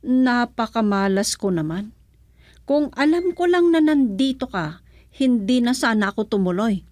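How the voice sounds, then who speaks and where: An actress playing a sharp-tongued, proud young woman in a radio drama, scolding and indignant. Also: a little high, lively intonation, unhurried, no echo. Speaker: voice actor.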